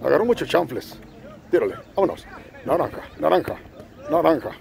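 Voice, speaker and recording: Mexican man, amateur soccer play-by-play, gravelly voice, pitch swinging wildly, outdoors at a field. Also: very animated, normal speed. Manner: shouts encouragement at players, jokes with himself. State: has a cold. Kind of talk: excited play-by-play commentary.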